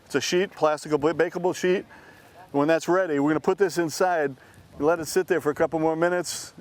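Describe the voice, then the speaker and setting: A man's voice: fairly high pitch, fairly even intonation, fairly quick. A man hosting a cooking show on location, chatting in an upbeat, salesman-like way. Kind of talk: casual on-location chat. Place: outdoors at a field camp.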